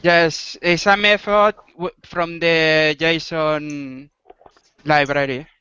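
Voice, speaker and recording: A man on a video call, calmly walking others through a code demo with pauses and small fillers. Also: fairly high pitch, clean tone, dry recording. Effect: heard over a video call. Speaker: developer presenting a demo. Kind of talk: casual technical walkthrough. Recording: dull, lo-fi video call audio.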